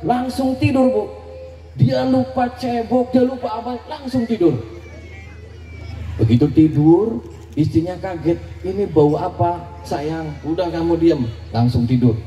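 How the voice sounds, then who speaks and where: High-voiced male preacher, echoey and distant. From Indonesia. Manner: animated storyteller, acts out characters; keeps addressing the women listeners. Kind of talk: comic sermon storytelling. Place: outdoor field event. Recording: echoey PA sound, distant from mic.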